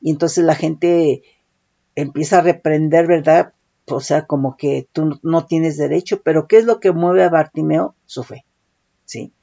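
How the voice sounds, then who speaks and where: A woman's voice: low-pitched, unhurried, creaky, warm tone. A woman preaching a sermon, often calling listeners "brother" and checking in with "right?". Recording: dull lo-fi recording.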